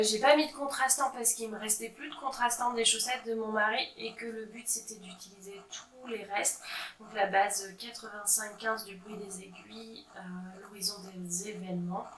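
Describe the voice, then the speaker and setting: A woman in her thirties chatting casually about her knitting projects, with frequent fillers and a self-mocking humor. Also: medium pitch. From France. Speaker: knitting vlogger. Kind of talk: casual show-and-tell chat. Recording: echoey room, voice a bit far from mic.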